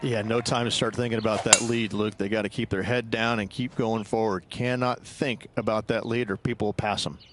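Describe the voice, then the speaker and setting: A man's voice: fairly low pitch, steady tone, brisk, few pauses. A man giving golf commentary as an analyst. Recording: outdoor noise behind.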